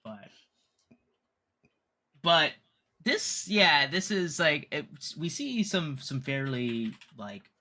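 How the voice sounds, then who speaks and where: A man's voice: a little high, very animated, extremely slow, pauses often, bright, forceful tone. A man co-hosting a casual film discussion, rambling with lots of fillers and restarts, laughing often. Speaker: podcast co-host.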